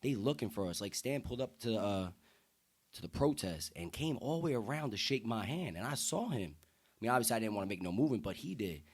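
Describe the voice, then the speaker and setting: Guesting on a podcast, a deep-voiced young American man speaks with earnest emphasis in casual conversation packed with slang. His delivery is sing-song and fairly quick, with a breathy edge.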